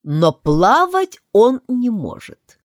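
A woman's voice: a little high, big pitch swings, slow, no room sound, studio quality, pitched above the performer's own voice. Woman putting on a pompous blustering king. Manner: fussy, triumphant, self-satisfied.

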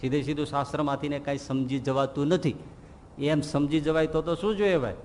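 A swami gives a scripture discourse as a sermon, telling humorous stories and acting out the characters' lines while chuckling at his own jokes. His male voice is fairly high and a little fast. The recording carries a long hall reverb and faint background noise.

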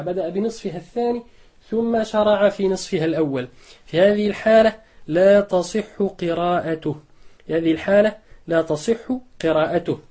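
Man, sheikh teaching jurisprudence, mellow dark tone, measured, repeats rulings. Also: sits high. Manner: measured explanation, repeats key rulings, recites example verses. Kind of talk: explaining a fiqh text.

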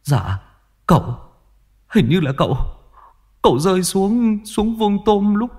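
Scared young male servant, played by a man, stammering, breathless, high-pitched. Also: big pitch swings, takes it slowly, a little mellow, slightly rough, heavily acted. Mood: frightened.

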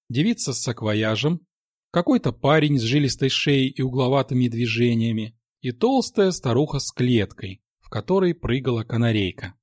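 Husky male audiobook narrator. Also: medium pitch, dry recording, studio quality. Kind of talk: audiobook story reading.

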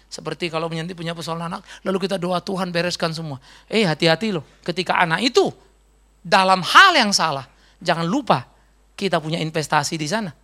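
A middle-aged man delivers a sermon like a chat, telling stories and acting out the people in them. His voice swings widely in pitch, has a gravelly rasp, and sounds bright and forceful. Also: brisk. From Indonesia. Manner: conversational, animated storytelling with mimicked voices. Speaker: pastor.

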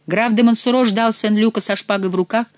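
A woman narrating a classic novel as an audiobook in a measured storytelling manner. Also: on the high side, fairly even intonation, dry recording. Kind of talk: scripted narration.

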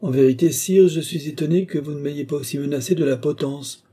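A man voicing a proud, sharp-tongued woman, a royal favourite, who speaks in a haughty, mocking way. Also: medium pitch, normal speed, lightly acted.

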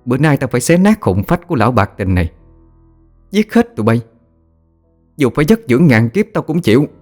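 A man's voice: mid-range voice, very animated, brisk, a little mellow, faint music behind, voice pushed up, lightly acted. A man voicing a vengeful female ghost in an audio horror story, with a snarling, threatening delivery. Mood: furious.

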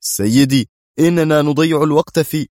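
A man's voice: on the high side, moderate pace, darkish tone, no room sound, clean studio sound, voice pushed up, lightly acted. A man voicing an irritable, spiteful male general in a storybook reading. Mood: irritable, resentful. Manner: nervous, resentful.

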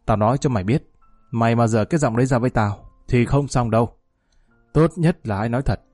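A cold, threatening man growls his lines low and harsh, as a male narrator puts him on. The voice sits deep and mellow in tone, dry and close, with faint music underneath in this audio story. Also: quick pace, no room sound, close to an everyday voice. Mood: menacing. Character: cold menacing male police gangster.

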